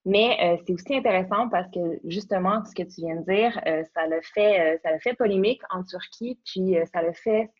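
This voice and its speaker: A woman's voice: lowish voice, normal speed, few pauses, highs cut off. A young woman, a podcast guest who explains eagerly, with many fillers and restarts. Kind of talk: podcast interview.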